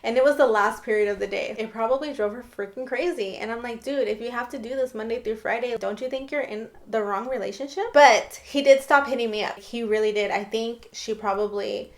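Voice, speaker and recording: A woman's voice: a little high, brisk, few pauses. A young woman telling a personal dating story to her viewers in a casual, emphatic storytime style. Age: young adult. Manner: chatty and emphatic, often addressing viewers. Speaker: storytime vlogger.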